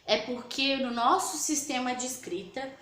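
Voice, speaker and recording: A woman's voice: high-pitched, moderate pace, a bit bright, a little hiss or hum. A woman with a Brazilian Portuguese accent, teaching young children patiently and spelling out sounds and letters. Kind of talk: children's lesson. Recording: echoey room.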